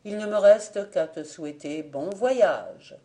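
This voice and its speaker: A woman's voice: mid-range voice, slow. Woman reading a sly old blind man. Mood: ironic. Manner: calm, gently ironic.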